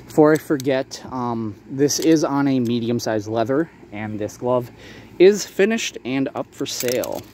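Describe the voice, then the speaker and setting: A man with a medium-pitched voice talks through a casual showcase vlog. He explains details in a halting way, often qualifying what he says. Ambient noise is clearly audible behind him. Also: expressive, darkish tone. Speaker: maker showing a handmade prop replica for sale.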